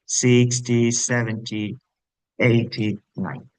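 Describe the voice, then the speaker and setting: Teacher, patient step-by-step explaining. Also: male voice, medium pitch, steady tone, slow, no echo. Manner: explains step by step, often checks in with the class. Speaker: English teacher. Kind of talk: explanatory recorded lesson.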